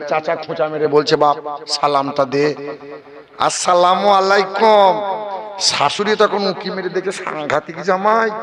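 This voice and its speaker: Man preacher, Bardhaman Bengali accent, high voice, sing-song and joking, audible crowd behind. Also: steady tone, moderate pace. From Bardhaman, West Bengal. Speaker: Islamic preacher. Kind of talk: waz sermon with storytelling.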